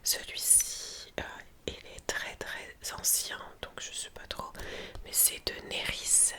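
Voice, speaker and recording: A woman whispering softly and breathily, as in a library, in an informal, hesitant ASMR chat presenting books. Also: slow pace. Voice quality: soft, breathy unvoiced whisper.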